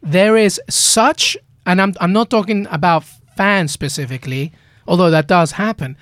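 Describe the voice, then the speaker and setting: A man's voice: high voice, normal speed, fairly bright tone, dry recording, studio quality. A man from Peru talking soccer as co-host, passionate, stretching his words out for emphasis. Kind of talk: casual soccer talk.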